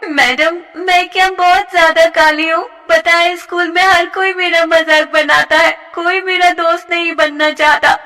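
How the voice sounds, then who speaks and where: A woman voicing a timid, bullied schoolgirl in a high, pleading childlike voice, in a cartoon story. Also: steady tone, measured pace, hardly any pauses, sharp tone, long reverb tail, far from the mic, full character voice. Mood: upset.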